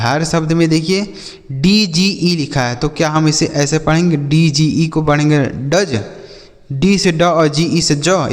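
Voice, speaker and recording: A man's voice: a little high, long reverb tail. A male teacher giving a phonics lesson to learners he calls children. He keeps asking the class a question and then answering it himself. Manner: addresses learners as children and brother. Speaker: English teacher.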